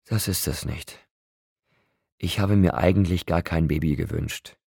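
A man reading an audiobook, voicing a frail young woman who answers quietly and stubbornly. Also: low voice, unhurried, vocal fry, slightly rough, no room sound, clean studio sound, exaggerated voice.

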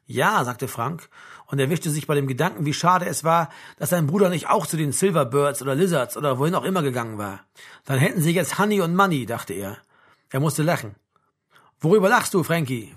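A man reading a novel aloud, narrating and voicing the dialogue of several characters, with a husky voice. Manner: drops low and quiet on dialogue tags. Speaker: audiobook reader.

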